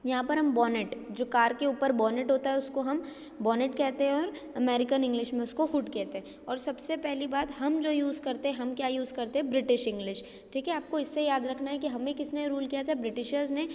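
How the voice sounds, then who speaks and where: Teacher, female, Indian English accent, high bright voice, slow dictation of examples, classroom reverb. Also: fairly even intonation. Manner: explains Hindi and English mixed, slow when dictating examples; keeps asking "understood?" to check the class. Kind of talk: classroom lecture.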